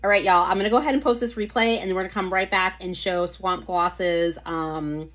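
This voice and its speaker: Woman, lowish voice, casual live-stream host, chatty, easily sidetracked, talks straight to viewers. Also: steady tone, brisk, fairly bright tone. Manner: chatty, easily distracted, talks to viewers and reads comments aloud. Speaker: livestream host showing nail polish.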